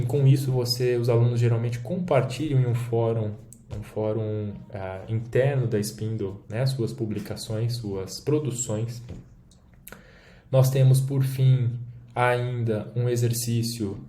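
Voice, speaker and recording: A man's voice: medium pitch, warm tone. A man with a Brazilian Portuguese accent, teaching a language lesson while demonstrating an app on screen in a casual, explanatory way with frequent check-ins. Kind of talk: screen-share demo lesson. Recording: roomy echo, faint background noise.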